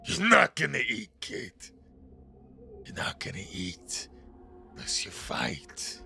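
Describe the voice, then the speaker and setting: Brief: man voicing harsh commanding ringmaster, bright and forceful, soft music behind. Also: mid-range voice, wildly swooping pitch, slow pace, gravelly, exaggerated voice. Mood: taunting. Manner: barking, taunting. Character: harsh male circus ringmaster, cruel and commanding.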